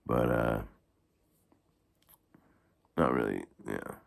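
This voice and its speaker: A man with a gravelly voice giving a rambling, halting, casual product review in the manner of a video blogger. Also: a bass voice. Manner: halting, rambling delivery with repeated false starts.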